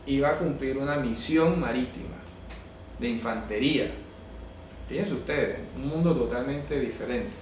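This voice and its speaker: This Bible class teacher has a mid-range voice and speaks at normal speed, explaining words one step at a time, asking "¿ya?" to confirm understanding and pressing on pronunciation. The recording has a little hiss or hum, with him distant from the mic in an echoey room.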